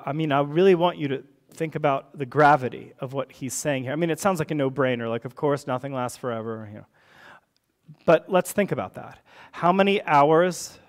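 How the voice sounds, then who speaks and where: A man's voice: a little high, a little fast. Conversational man preaching a sermon. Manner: conversational, checks in with tag questions. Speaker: rector preaching. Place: church service.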